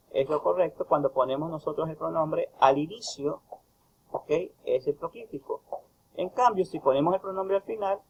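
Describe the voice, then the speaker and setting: A male university tutor giving a recorded grammar lecture, stressing each example phrase slowly. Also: fairly high pitch, darkish tone, breathy edge, highs cut off. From Ecuador. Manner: slow, emphatic reading of example phrases.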